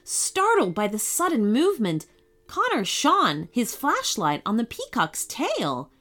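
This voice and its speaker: Slow, very expressive storybook woman. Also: fairly high pitch. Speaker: narrator. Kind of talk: children's storybook narration.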